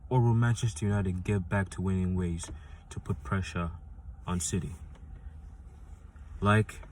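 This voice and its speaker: A man's voice: sits low, steady tone, measured pace, a little hiss or hum. A man hosting a football fan vlog, rambling and insistent, repeating his points with many restarts. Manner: rambling, frequent restarts and fillers. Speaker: football fan channel host. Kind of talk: casual fan prediction vlog.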